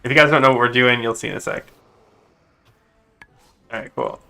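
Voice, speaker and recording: A man giving live commentary while playing a game, venting his irritation at teammates and trying to calm himself down. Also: mid-range voice, fairly quick, gravelly, clean tone. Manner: exasperated, venting, then calming himself down. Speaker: gamer.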